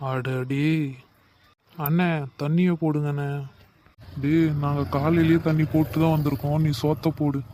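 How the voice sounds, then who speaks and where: A man performing comic skits, delivering teasing punchlines. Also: fairly high pitch. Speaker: comedy sketch performer. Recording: noisy recording.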